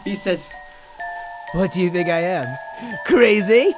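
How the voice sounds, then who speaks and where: An actor playing a manic, mocking supervillain clown in a radio drama, theatrical and halting, prone to giggles. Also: male voice, sits high. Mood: amused storytelling. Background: music.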